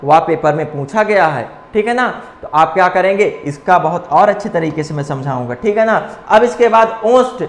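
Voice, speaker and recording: A man's voice: high-pitched, expressive, normal speed, few pauses, echoey room. A man teaching a class, drilling students by asking questions and answering them himself. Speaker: coaching teacher. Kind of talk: classroom lecture.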